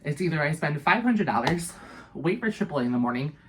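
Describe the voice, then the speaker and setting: A young woman casually telling an animated, profanity-laced storytime about a bad night, full of fillers and dramatic asides. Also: low-pitched, fast, a little hiss or hum.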